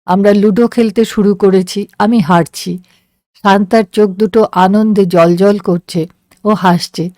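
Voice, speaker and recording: A woman narrating a story in a slow, measured, soft voice. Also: medium pitch, steady tone, no room sound, clean studio sound. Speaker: story reader.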